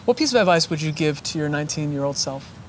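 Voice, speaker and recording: Interviewer firing off quick questions, upbeat little reactions, mid pitch, faint hiss behind. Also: expressive. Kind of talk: rapid-fire interview questions.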